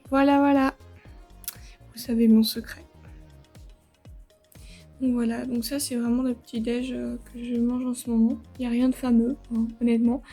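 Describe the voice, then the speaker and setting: 20yo girl vlogging, highish mellow voice, bit of a slushy lisp on s, chatty n self-deprecating. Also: flat delivery, moderate pace, long pauses, soft background music. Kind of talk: casual chat to camera. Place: at home.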